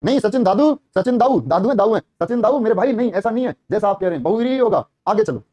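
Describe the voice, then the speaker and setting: A man teaching a live online exam class, quizzing students quickly and repeating every answer. His voice sits high and mellow, and his talk is rapid. The sound is dry and close, with no room around it. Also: lively intonation, dry recording. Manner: encouraging praise, calls students brother and child. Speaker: Hindi teacher for police exam prep.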